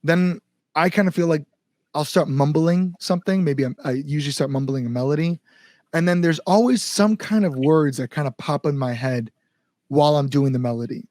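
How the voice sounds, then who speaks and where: A man with a fairly high voice talks at a normal speed in a darkish tone, recorded dry. He's a musician guest on a casual podcast, wandering through stories full of "like" and acting out what he was thinking.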